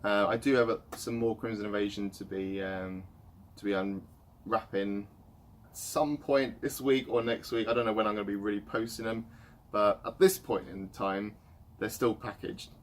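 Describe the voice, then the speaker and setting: A man's voice: lowish voice, steady tone, moderate pace. A man in his late twenties, hosting a casual chat and rambling along with fillers. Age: 20s. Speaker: host. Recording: light background noise.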